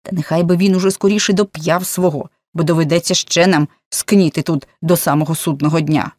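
A woman's voice: lowish voice, steady tone, a little fast, darkish tone, no echo, studio quality, lightly acted. A woman voicing a chatty, grumbling male servant who mutters to himself and his dog in an audiobook.

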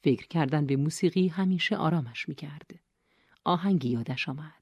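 Low-voiced woman narrating an audiobook. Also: slightly rough, no echo, dull audio. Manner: even, measured reading.

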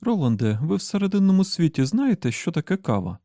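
A man's voice: sits high, big pitch swings, fast talker, warm tone, no room sound, clean studio sound, pitched above the performer's own voice. A man voicing an eager, restless young man in an audiobook, speaking with urgency. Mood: urgent. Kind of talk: audiobook character voice.

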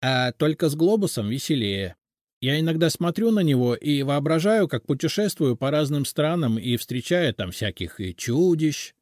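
Man voicing a timid little male house spirit, higher and lilting, deferential, audiobook. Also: expressive, moderate pace, a little mellow, no room sound, studio quality, lightly acted. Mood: earnest. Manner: mumbling, deferential. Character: small humble male house spirit, shy and eager.

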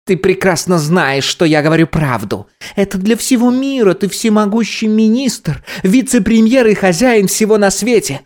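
A man's voice: high voice, animated, normal speed, hardly any pauses, darkish tone, voice pushed up. A man voicing a furious grown daughter in an audiobook, screaming bitter accusations. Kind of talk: audiobook character voice.

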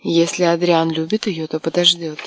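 A woman's voice: fairly low pitch, monotone, normal speed, soft background music, close to an everyday voice. A woman voicing a stern male ship owner in an audiobook, curt and commanding.

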